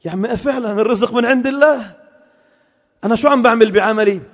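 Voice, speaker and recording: A man's voice: extremely high pitch, quick pace. A man giving an impassioned Friday sermon in a mosque, asking the crowd rhetorical questions and mixing formal and everyday speech. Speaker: Friday preacher. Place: large mosque hall. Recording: lo-fi recording with long hall reverb.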